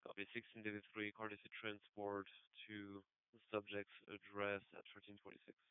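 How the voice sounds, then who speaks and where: A man working as a police dispatcher, heard over a police radio transmission, reading calls in clipped, even procedural codes. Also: fairly low pitch, normal speed, clear, resonant tone, no echo. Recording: narrow-band, dry police radio.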